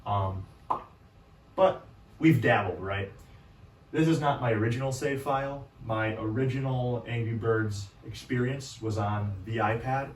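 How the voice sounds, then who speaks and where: A hoarse man hosting a gaming video, chatting casually in a rambling, self-deprecating way with lots of fillers. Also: medium pitch, unhurried, slight background noise. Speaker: gaming channel host. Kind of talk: casual gameplay chat. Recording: roomy echo, distant mic.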